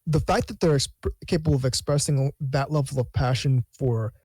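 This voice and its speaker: A man talks as a guest on a podcast, earnest and a little halting as he restarts phrases. The sound is dry, with no room around it. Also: mid-range voice, darkish tone, husky, no echo. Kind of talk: casual chat.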